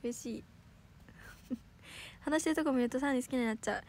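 A teenage girl with a Kansai accent, hosting a casual livestream, chatty and giggly, reading comments aloud and correcting herself quickly. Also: sits high, darkish tone. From Osaka, Japan. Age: teens. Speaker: idol livestream host.

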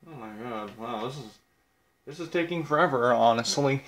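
A man's voice: mid-range voice, normal speed, echoey room, crowd noise. Crude young man calling game eliminations. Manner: blunt, crude, self-mocking. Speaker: game commentator. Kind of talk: casual game commentary.

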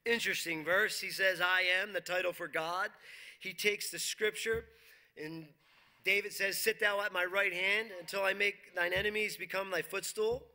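A pastor in his forties preaches emphatically on a church stage backed by a dark brick wall, reading scripture aloud and posing questions to the congregation. His voice is high-pitched, bright and forceful, with a steady tone and moderate pace.

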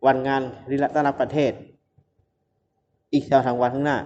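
A man's voice: mid-range voice, little pitch movement, normal speed, warm tone, natural voice. A man voicing an angry older crime-boss father. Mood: scheming. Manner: scolding, heavy Chinese-Thai slang. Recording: slightly muffled recording with faint hiss.

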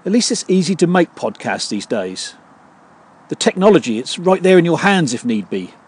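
Deadpan man doing comedy monologue. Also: fairly high pitch, normal speed, husky. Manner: deadpan, dry punning delivery. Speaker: podcast host.

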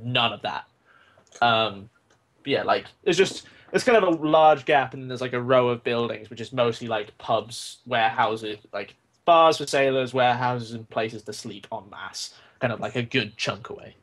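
A man's voice: mid-range voice, normal speed, a bit bright. A young man narrating a tabletop game as game master, in a loose, rambling way with lots of fillers.

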